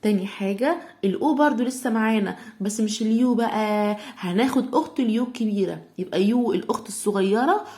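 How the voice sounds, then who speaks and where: A woman with an Egyptian Arabic accent teaching English phonics, sounding out words slowly part by part. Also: medium pitch. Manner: slow stretched sounding-out of word parts, loud on examples. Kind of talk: phonics lesson.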